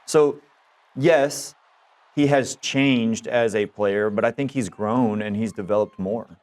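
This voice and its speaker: A man's voice: lowish voice, takes it slowly, darkish tone. A man co-hosting a sports radio show, making his points emphatically. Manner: emphatic and argumentative. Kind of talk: casual sports analysis.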